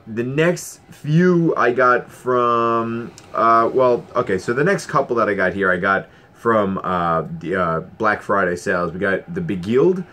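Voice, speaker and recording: A man's voice: lowish voice, a bit bright. A man casually vlogging about his Blu-ray collection, enthusiastic and rambling with fillers and restarts. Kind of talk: casual collection haul vlog.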